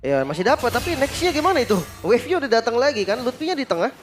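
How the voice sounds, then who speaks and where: A man's voice: very high voice, sing-song, racing. An Indonesian man co-commentating an esports match in a casual, reactive, questioning way. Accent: Indonesian, colloquial. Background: music.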